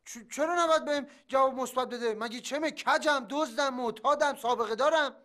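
Whiny young brother who grumbles and sulks, sitcom. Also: male voice, extremely high pitch, bright, forceful tone. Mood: complaining. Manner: whiny, complaining. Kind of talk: TV sitcom acting.

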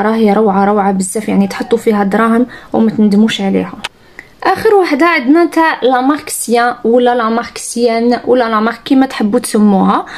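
Algerian woman, beauty vlogger, quick chatty delivery, slightly high voice. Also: a little hiss or hum. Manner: chatty, enthusiastic, addresses viewers directly. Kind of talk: casual product review chat.

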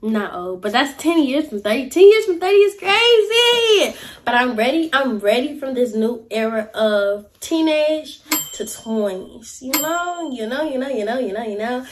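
This life-update vlog features a young woman chatting from a chair in a small indoor room, animated in her gestures and repeating "y'all" and "like" often. She has a high voice at normal speed, and slight background noise can be heard.

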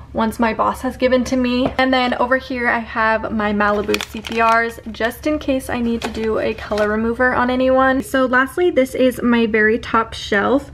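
A woman's voice: a little high, slight background noise. An eighteen-year-old woman hairstylist from California giving a chatty, upbeat tour of her salon station and cabinet. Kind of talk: casual salon tour vlog. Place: indoor hair salon. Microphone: handheld camera close by.

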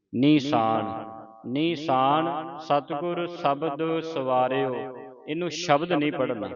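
A man with a Punjabi accent teaching the recitation of scripture, chanting each verse slowly and then explaining how it is pronounced. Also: mid-range voice, muffled recording. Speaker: Gurbani pronunciation teacher.

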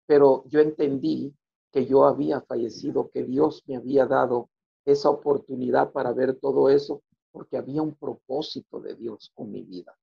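A man telling his personal religious testimony, halting and repeating words as he goes. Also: medium pitch, steady tone, gravelly, slightly rough, dull audio. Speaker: testimony speaker.

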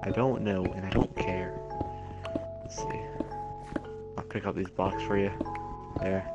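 A young man chatting casually while playing a game, laid-back and quick to laugh at himself. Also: low voice, fairly even intonation, dull audio, over loud music. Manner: laid-back, giggly, self-mocking. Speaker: gameplay streamer. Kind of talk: casual gaming chat.

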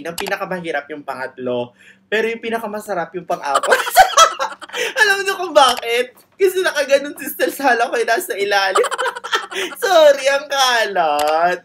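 A reaction video host giving excited commentary, gushing, laughing often and talking straight to the viewers. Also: medium pitch, brisk, noisy background. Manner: addresses viewers directly.

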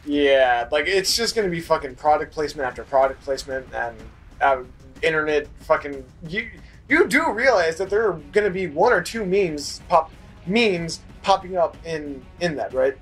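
Brief: male gaming co-host, slightly high voice, easygoing and sweary, soft music underneath. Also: lively intonation, moderate pace. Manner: laid-back, swears often. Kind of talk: casual chat while playing a game.

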